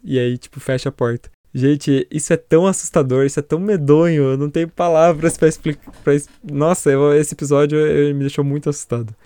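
A Brazilian man chatting on a podcast, retelling horror anime episodes with lively storytelling. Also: on the high side, clear, resonant tone, dry recording, clean studio sound. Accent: Brazilian Portuguese. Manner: animated storytelling, acts out scenes with laughs. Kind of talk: casual chat reviewing an anime.

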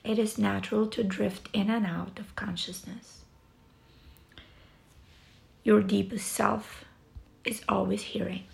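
A yoga nidra guide leads a guided meditation very slowly, with long pauses between phrases. Her soft, breathy, mid-range voice carries heavy vocal fry, and her delivery is flat yet soothing.

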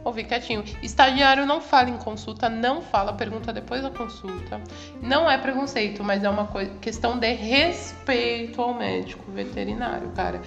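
A woman's voice: fairly high pitch, a little fast, creaky. A woman veterinarian chatting bluntly and matter-of-factly, with casual slang. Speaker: veterinarian guest. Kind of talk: casual podcast chat. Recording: dull lo-fi sound with loud music.

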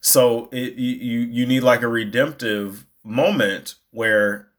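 A young adult man telling a personal story in a casual, animated way, rambling and restarting his sentences as he goes. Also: mid-range voice, slow. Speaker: storyteller recounting a movie outing.

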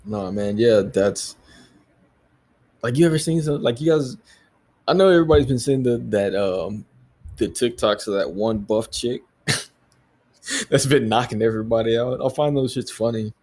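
A man's voice: medium pitch, moderate pace, long pauses, a little mellow. A man in his thirties from the United States, hosting a solo podcast and ranting bluntly with lots of swearing. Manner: profane, blunt, ranting with laughs. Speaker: podcast host.

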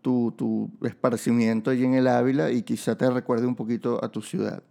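Venezuelan male podcast host, gravelly voice, playful casual banter. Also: medium pitch, flat delivery, brisk, dark tone. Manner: playful, joking. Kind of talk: casual chat.

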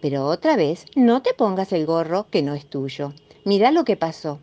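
A woman's voice: lowish voice, very animated, normal speed, mellow. A woman voicing a cheerful, teasing mother with a Rioplatense accent, in a sing-song, mock-sorry manner. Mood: gentle. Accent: Rioplatense Spanish. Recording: dull muffled recording.

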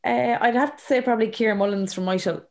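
A woman's voice: fairly high pitch, fast talker, a little mellow. An Irish woman being interviewed as a sports player, chatting casually and leaning on "like" and "you know".

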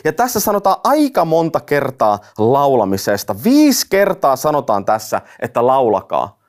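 A man's voice: mid-range voice, wildly swooping pitch. A man preaching a sermon, reading scripture aloud and dropping joking asides. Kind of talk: sermon teaching.

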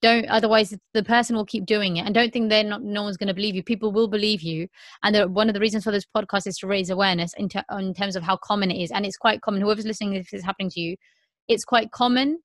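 A woman's voice: medium pitch, fairly even intonation, fast, no echo. Earnest woman in her thirties, dry sound. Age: 30s. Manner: earnest, repeats herself, many "um"s. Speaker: podcast host. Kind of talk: candid podcast conversation.

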